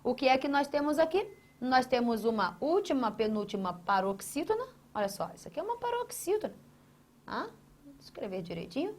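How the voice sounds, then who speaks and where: A woman's voice: high-pitched, sing-song, darkish tone. A woman teaching an exam-prep grammar lesson. She asks questions and answers them herself, and stretches out syllables as she writes. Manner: drawn-out syllables while writing on a board.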